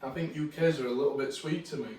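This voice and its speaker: Yorkshire man with a slightly high voice. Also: fairly even intonation, quick pace, a little mellow, slight background noise. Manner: blunt, jokey, broad dialect. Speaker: co-host of a cooking channel. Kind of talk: casual chat during a taste test. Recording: echoey room, mic at a distance.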